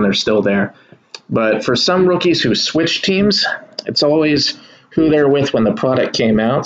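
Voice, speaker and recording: In a mid-range voice with vocal fry, a man talks casually to viewers during a live sports card break, opening boxes at a kitchen table in an indoor room. He's relaxed and chatty, calling everyone y'all. The recording's highs are cut off.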